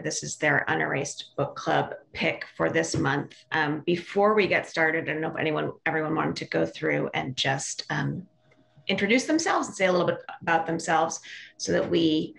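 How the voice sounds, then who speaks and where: A woman's voice: deep voice, gravelly, a bit bright. A woman hosting a library book discussion over a video call, chatting casually with hesitant fillers. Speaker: library tech, discussion host. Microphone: webcam on video call.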